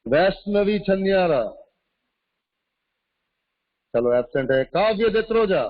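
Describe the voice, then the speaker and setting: Male math teacher, high-pitched, kindly roll call over a dull lo-fi video call. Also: expressive, moderate pace. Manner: mixes Hindi and English, calls students "beta". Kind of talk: online class lecture and roll call. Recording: muffled lo-fi online call audio.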